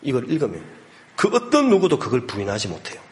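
A man preaching as a pastor, his pitch swinging widely as he drives each point home. He talks in an emphatic storytelling way and leans on punchy sound words for effect. His voice sits at an ordinary middle height for a man. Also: huge pitch swings, fast, a little mellow, a little hiss or hum. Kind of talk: sermon.

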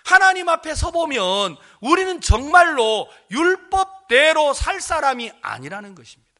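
A pastor from Jeolla preaching to a congregation, telling stories with animated acted-out dialogue and asking the listeners questions. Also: male voice, extremely high pitch, normal speed. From Jeolla, South Korea. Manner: animated storytelling, acting out quoted speech, questioning the congregation. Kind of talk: sermon.

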